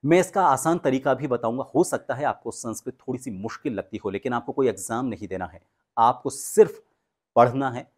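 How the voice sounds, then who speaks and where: A man with a mid-range voice teaches clear pronunciation in a calm, explanatory way. He slows right down to read the drill sentences with emphasis. He speaks close to the mic. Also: medium pitch. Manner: patient, explanatory. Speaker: speech coach. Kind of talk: pronunciation lesson.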